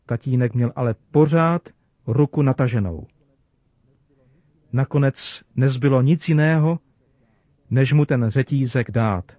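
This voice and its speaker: A man preaching to children, telling a story in a gentle, measured way. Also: medium pitch, dry recording, dull audio.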